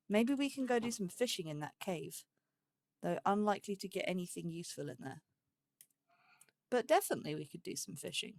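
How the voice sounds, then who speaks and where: A woman with a mid-range voice, recorded dry with clean studio sound. She hosts a gaming let's play, chatting casually and thinking aloud as she plays, even talking to the game's animals.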